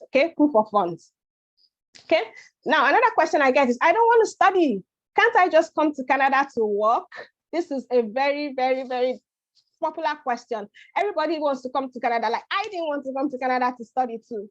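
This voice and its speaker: A woman's voice: on the high side, no room sound. A middle-aged woman from Nigeria giving an informal webinar presentation, chatty and often checking in with "okay?". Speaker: immigration advisor presenting a webinar. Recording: dry, dull lo-fi audio.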